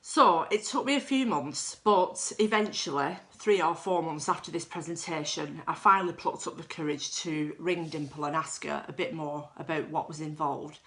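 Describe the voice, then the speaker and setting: A woman's voice: sits low, moderate pace, few pauses, a bit bright. A middle-aged woman telling her own story in a candid, self-deprecating way, with frequent restarts. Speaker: client giving a testimonial. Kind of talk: personal testimonial storytelling.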